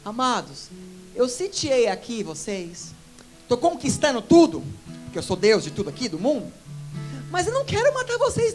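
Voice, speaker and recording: A woman's voice: high voice, voice pushed up. A woman preacher voicing an ancient male serpent devil who makes a sly, falsely generous offer in a sermon.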